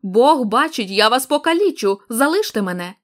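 Brief: woman reader playing a cornered young man, shouting defiance that cracks with strain; audiobook. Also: fairly high pitch, animated, moderate pace, lightly acted. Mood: desperate. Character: desperate young man cornered by blind villagers.

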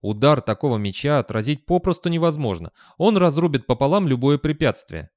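A man narrating an audiobook in an even, measured storytelling manner. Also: on the high side, no echo, studio quality.

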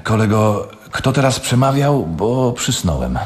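A haughty, drowsy composer in a radio drama, aloof and dismissive. The voice sits in a long, reverberant hall. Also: male voice, fairly low pitch, very animated, unhurried, darkish tone.

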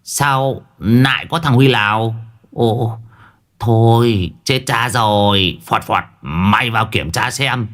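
A man's voice: medium pitch, slow, a bit bright. A man voicing a whining old male spirit medium, whimpering and fussy.

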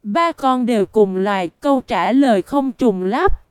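A woman's voice: on the high side, expressive, measured pace, clear, resonant tone, no echo, clean studio sound. A woman reading the lines of an arrogant, boastful middle-aged male company director in a story. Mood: brash. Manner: brash, boastful.

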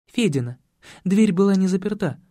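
Мужчина изображает щебечущую пугливую девушку. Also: male voice, high-pitched, expressive, moderate pace, mellow, dry recording, clean studio sound, pitched above the performer's own voice. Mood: pleading. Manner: chirping, whiny, pleading. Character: young woman, chattering, jumpy and gossipy.

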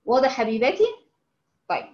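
Egyptian woman teaching recitation, high voice, patient and repetitive, lo-fi sound. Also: animated, darkish tone, reverberant. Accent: Egyptian Arabic. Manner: explains patiently, models words slowly and repeats them. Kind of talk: informal online lesson.

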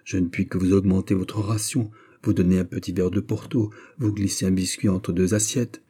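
A man's voice: sits low, steady tone, moderate pace, dark tone, breathy edge. A man voicing a chatty middle-aged prison governor with a genial, coaxing manner.

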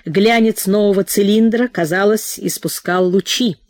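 A woman reading a novel aloud in expressive audiobook narration. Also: medium pitch, moderate pace, dry recording, clean studio sound. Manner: expressive storytelling. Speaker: audiobook reader.

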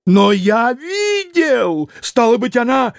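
A frantic old father, screeching far above ordinary speech. His cries come slow and stretched, squealing and breathless. The reading sounds close and dry. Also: extremely high pitch, very animated, gravelly, dry recording, voice pushed up, heavily acted. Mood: hoarse urgency. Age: older. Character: frantic shrieking old father, lecherous and fearful.

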